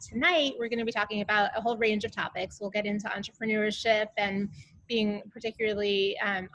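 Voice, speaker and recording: A woman moderating a panel discussion over a video call, talking in a friendly, halting way with many fillers. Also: mid-range voice, pushed and bright, rough recording.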